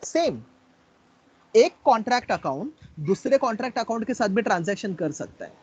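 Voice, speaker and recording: Husky-voiced male teacher lecturing. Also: high voice, big pitch swings, a little fast, darkish tone. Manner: explains step by step and quizzes students. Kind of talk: classroom lecture. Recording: dull lo-fi recording.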